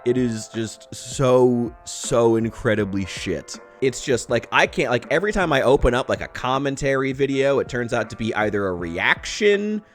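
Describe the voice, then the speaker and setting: A man's voice: medium pitch, expressive, normal speed, hardly any pauses, faint music behind. A man in his thirties talking straight to camera in a candid, rambling vlog monologue, swearing freely and poking fun at himself. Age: 30s. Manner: candid, rambling, profane, self-deprecating. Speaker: YouTuber.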